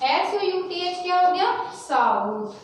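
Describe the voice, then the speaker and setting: A woman's voice: very high voice, very animated. A woman with an Indian accent, teaching young children phonics and spelling words out letter by letter. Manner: spells words letter by letter, then says them slowly. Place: classroom or school room. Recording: echoey room, mic far off, faint noise.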